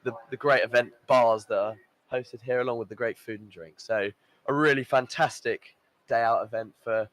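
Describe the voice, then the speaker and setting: Male lead commentator, mid-pitched, upbeat and enthusiastic, relaxed filler-filled delivery. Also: moderate pace, poor audio. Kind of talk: live event commentary.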